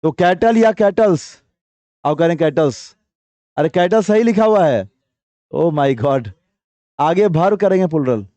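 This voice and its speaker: High-voiced man teaching grammar. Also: expressive, warm tone, dry recording, muffled recording. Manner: coaxing, quizzing students with repeated questions; reads English sentences slowly, then explains briskly. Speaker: English teacher. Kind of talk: classroom grammar lesson.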